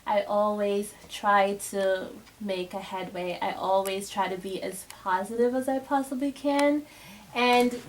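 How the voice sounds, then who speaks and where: Young adult woman, informal motivational speaker; chatty, rambling, quick laughs, faint noise. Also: mid-range voice, low-quality recording. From Bahamas. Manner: chatty, laughs often, many fillers and restarts. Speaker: guest speaker to a girls' group. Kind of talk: casual motivational talk.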